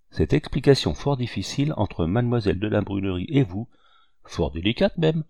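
A man reading the part of a shrewd, good-natured old hunter in an audiobook, speaking with calm assurance. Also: fairly low pitch, vocal fry, no echo, clean studio sound.

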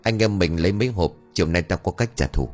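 A man's voice: low-pitched, quick pace, faint music behind. A man voicing a cocky village boy who boasts and plots revenge in a conspiratorial tone. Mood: scheming.

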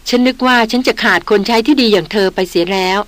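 A woman's voice: medium pitch, quick pace, dry recording, natural voice. A woman doing a shaken aristocratic huntress. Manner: trembling, breathless speech.

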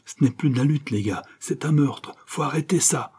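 A man's voice: mid-range voice, moderate pace, a little mellow, slightly rough, pitched above the performer's own voice. A man voicing a frightened male onlooker who speaks in a trembling whisper.

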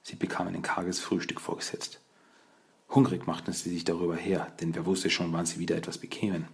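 A man reading a children's audiobook as narrator, in measured storytelling. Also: sits low, little pitch movement, vocal fry, breathy edge.

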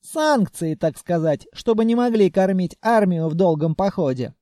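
A man's voice: sits high, lively intonation, moderate pace, dark tone, no echo, studio quality. A man voicing a wry male companion who explains matters.

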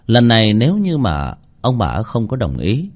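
Husky low-voiced male storyteller. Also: normal speed. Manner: expressive storytelling. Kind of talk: read-aloud folk tale narration.

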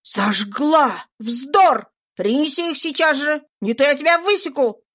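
A woman voicing a stern, exasperated spinster aunt who scolds with sharp questions. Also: sits high, measured pace, voice pushed up. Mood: scolding.

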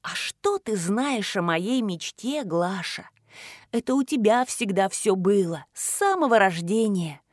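A woman reading an audiobook voices a fierce, scornful teenage girl who hisses and shouts in sharp indignation. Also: on the high side, expressive, normal speed, no echo, clean studio sound. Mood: bitter hissing. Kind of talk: audiobook character voice.

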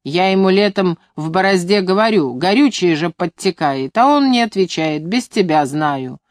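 A woman voices a young agronomist caught between doubt and temper, speaking in a low, close voice. There is no room echo at all, just a dry studio read of an audiobook. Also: lively intonation, normal speed, close to an everyday voice. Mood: indignant. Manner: anxious, hesitant, then sharp and scolding. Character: young woman agronomist, flustered but fiery.

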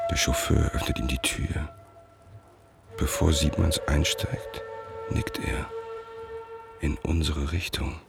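A man plays a brooding, suspicious middle-aged writer, narrating a radio play in the first person. His delivery is gravelly, measured, and introspective, in a bass voice that's exaggerated, with an observant, pensive mood. Music plays in the background.

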